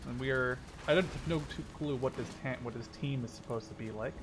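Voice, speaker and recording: Tank game sounds, vehicle rumble and game noise sit behind this Canada-based Dutch man in his twenties who hosts gaming videos. He speaks in a mid-range voice at a slightly fast clip. He keeps the commentary loose, chatty and playful, often thinking out loud mid-game.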